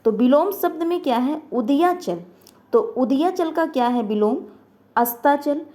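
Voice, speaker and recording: A woman's voice: sits high, expressive, measured pace, mellow. A woman teaching an online grammar lesson, asking questions and answering them herself, repeating each word.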